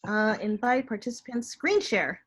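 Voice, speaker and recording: A woman's voice: a little high, big pitch swings, normal speed, breathy edge. Casual woman chatting on a video call. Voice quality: smoker's cough. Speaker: participant in an online get-together. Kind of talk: casual group video chat. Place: indoors on a computer video call.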